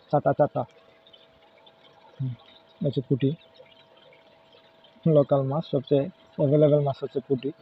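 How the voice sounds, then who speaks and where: Filmed like a relaxed home video, this clip has a man showing off his fish tank and identifying every fish one by one. His voice sits on the high side with a breathy edge, and the sound is lo-fi, phone-like, and faintly noisy.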